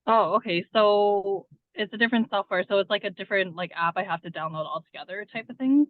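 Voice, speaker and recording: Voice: mid-range voice, fairly quick, dry recording. A caller driving while talking over a car speakerphone, asking curious questions in a casual, apologetic way with many okays. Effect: calling in over a car speakerphone. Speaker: student caller on a group coaching call. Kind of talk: casual questions on a group call. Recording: tinny phone line, dry.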